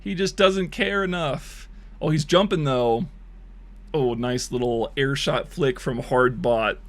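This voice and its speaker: A man with a mid-range voice speaks slowly while streaming, delivering hyped mock esports play-by-play of bot matches. He laughs and cracks crude jokes, though his voice is wearing thin as he loses it.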